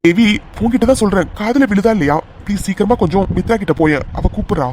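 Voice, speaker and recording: A caring but hot-tempered young cartoon hero, voiced by a man, with a high, loud voice that pushes urgently. He talks in an anxious, pleading way, and there is faint noise behind him. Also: lively intonation, fast. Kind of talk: cartoon voice acting.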